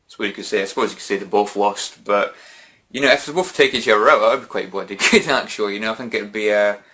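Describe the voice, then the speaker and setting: Guy chatting his predictions, lowish voice but bright and forceful, lots of "you know"s. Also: fast talker. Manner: rambling, many fillers and restarts. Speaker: wrestling fan vlogger. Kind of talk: casual prediction chat.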